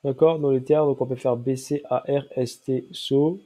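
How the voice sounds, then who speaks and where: A man's voice: medium pitch, fairly even intonation, normal speed, warm tone. Nasal man with a stuffy cold. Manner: explanatory, checks in with listeners often. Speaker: crypto trading analyst. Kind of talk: chart analysis walkthrough.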